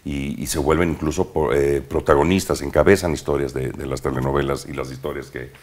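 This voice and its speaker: A man with a Mexican accent, an actor telling animated anecdotes from his youth as a guest in a casual interview, using slang and sound words. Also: very deep voice, brisk. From Mexico, Veracruz.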